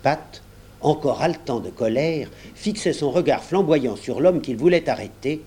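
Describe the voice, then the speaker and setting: A man reading a storybook aloud in a measured, unhurried storytelling manner. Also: a little high, animated, mellow, slightly rough. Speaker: audiobook narrator.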